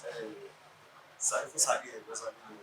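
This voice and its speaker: A man's voice: mid-range voice, little pitch movement, a little fast. Hesitant male web TV host, echoey. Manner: hesitant, many fillers. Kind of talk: casual web TV interview. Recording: echoey room, mic far off, loud noise.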